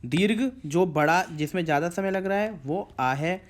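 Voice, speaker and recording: A man's voice: sits high, normal speed. A man teaching a grammar lesson to schoolchildren, explaining patiently step by step and drawing out vowel sounds to show pronunciation.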